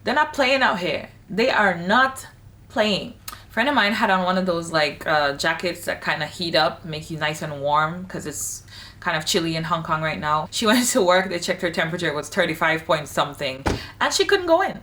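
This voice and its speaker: A woman in her late twenties talks to camera in a candid, chatty and emphatic way. Her voice sits a little low. It sounds a bit distant from the mic, as if recorded at home. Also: lively intonation, fairly quick, fairly bright tone. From Saint Vincent and the Grenadines. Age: late 20s. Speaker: vlogger. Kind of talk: casual talk to camera. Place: home in Hong Kong, bathroom.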